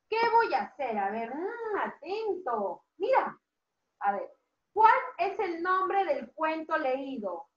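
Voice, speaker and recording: A woman, a preschool teacher telling a story and coaching young children with animated, coaxing intonation. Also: high voice. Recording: echoey room, dull lo-fi.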